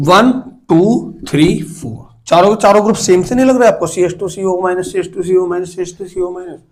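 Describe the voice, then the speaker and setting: A man teaches chemistry in a fairly high voice. He keeps asking his students questions and counts aloud, step by step, as he draws. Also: low-quality recording. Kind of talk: classroom lecture.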